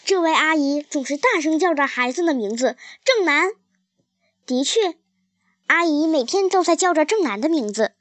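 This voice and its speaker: A woman reads a children's story aloud in a calm, careful way, keeping an even, unhurried delivery. Her voice is high, and the recording is close and dry with no room echo. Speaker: narrator. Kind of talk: storybook reading.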